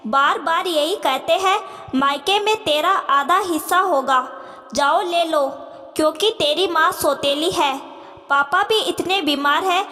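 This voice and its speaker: A woman doing a sad young married daughter, high voice, slow hesitant telling, reverb. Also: fairly bright tone. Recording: reverberant room.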